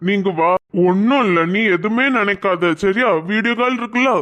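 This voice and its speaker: Someone voicing a gentle consoling cartoon dad. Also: normal speed, natural voice. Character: loving father leaving abroad, tender. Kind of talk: animated cartoon dialogue. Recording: pitch-modulated with audio tools.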